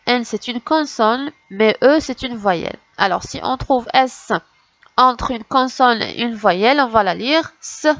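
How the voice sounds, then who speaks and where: A woman teaching a reading lesson to young children, slow and patient, sounding out words and syllables one by one. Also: on the high side, expressive, a bit bright, dry recording, lo-fi sound. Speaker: primary school teacher.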